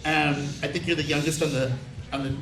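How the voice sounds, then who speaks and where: A man's voice: a little high, fairly even intonation, fairly quick. A man moderating a community panel in a loose, chatty way with lots of fillers. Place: large community center hall. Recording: echoey hall from far off.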